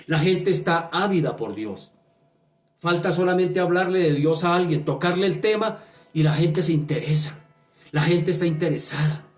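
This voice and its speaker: A man's voice: fairly high pitch, normal speed. A man, a pastor leading a fervent, repetitive pleading prayer and sermon. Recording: echoey room with faint music.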